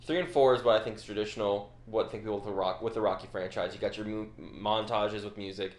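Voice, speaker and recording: A man's voice: lowish voice, steady tone, fast talker, roomy sound. A man co-hosting a casual film chat who rambles and restarts his sentences, staying upbeat. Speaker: podcast co-host.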